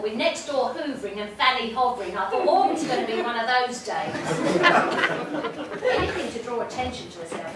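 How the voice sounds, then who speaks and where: A woman playing a chatty, genteel older female medium, fussy, gossipy and amused at herself. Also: on the high side. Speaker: spirit medium. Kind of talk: stage monologue. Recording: roomy, distant and noisy.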